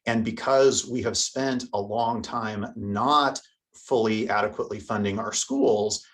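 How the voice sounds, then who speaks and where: A woman gives a news interview soundbite about policy. She speaks deliberately, with earnest weight on each point. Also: very deep voice.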